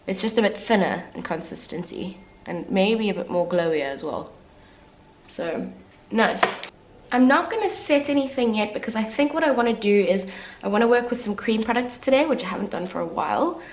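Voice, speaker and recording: A beauty vlogger, young and female, talks through her makeup routine in a chatty, candid way with self-deprecating asides. She sounds a bit congested, still recovering from the flu. She has a mid-range voice, and the recording is rough.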